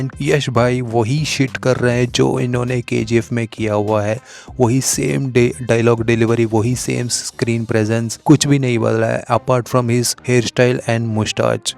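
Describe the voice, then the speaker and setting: A man's voice: mid-range voice, creaky, darkish tone. A man casually giving a blunt, critical film review, mixing English phrases into his Hindi. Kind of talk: casual opinion vlog.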